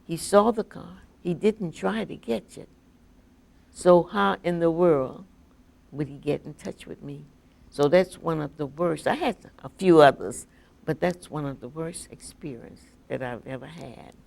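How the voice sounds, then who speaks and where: Older woman interviewee with a deep, gravelly voice who tells stories at a slow pace and acts out the dialogue. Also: darkish tone. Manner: vivid, acts out quoted dialogue. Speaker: oral history interviewee. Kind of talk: personal storytelling.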